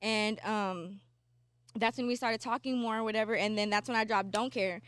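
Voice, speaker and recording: A woman's voice: medium pitch, steady tone, normal speed, fairly bright tone, no room sound, clean studio sound. A young woman co-hosting a podcast in casual chat, blunt and swearing freely. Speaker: podcast co-host.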